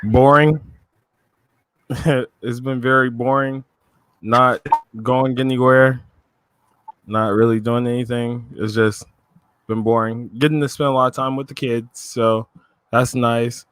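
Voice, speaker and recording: A man's voice: mid-range voice, steady tone, slow, long pauses, fairly bright tone, clean tone, rough recording. A man on a video call talking about his days in quarantine in short, plain, laid-back sentences. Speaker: guest. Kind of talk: casual video call chat.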